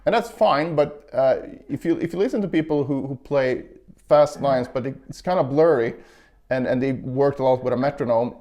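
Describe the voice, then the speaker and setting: A man teaches a guitar lesson in a carpeted indoor room, explaining each step and counting beats aloud as he plays, with the guitar heard faintly behind his voice. He speaks at normal speed in a mid-range voice with a dark tone.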